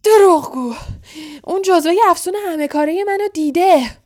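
A woman's voice: a little high, sing-song, dark tone, voice pushed up. Woman doing a shrieking, furious old caretaker man. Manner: shrieking, accusing, breaking off mid-sentence. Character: old male caretaker, shrill, grief-stricken, furious.

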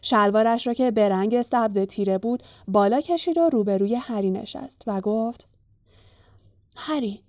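A woman narrating a storybook in a calm, even reading voice. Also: on the high side, few pauses, no room sound, studio quality. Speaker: audiobook narrator.

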